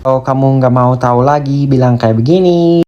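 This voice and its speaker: A voice announcing each topic with short, flat prompt-style lines. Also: mid-range voice, moderate pace, lo-fi sound, background noise.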